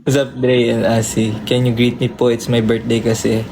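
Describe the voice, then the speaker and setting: A man's voice: medium pitch, completely flat delivery, moderate pace, background noise. A man with a Filipino accent co-hosting a live stream, reading out viewer greetings and giving friendly advice. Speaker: livestream co-host. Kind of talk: casual chat on a live stream.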